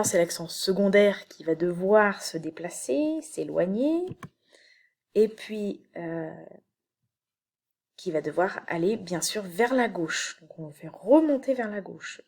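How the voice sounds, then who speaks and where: Female teacher, recorded video lesson, slow and careful delivery, frequent hesitations. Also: mid-range voice, expressive, darkish tone. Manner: slow, explanatory, with many fillers and restarts. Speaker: university teacher. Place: home, late evening.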